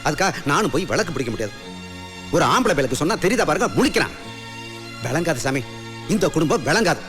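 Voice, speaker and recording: An actor playing a wealthy, stubborn old patriarch who scolds his family loudly. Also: fairly high pitch, sing-song, fast, long reverb tail, soft background music. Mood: scolding. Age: older. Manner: scolding, blustering.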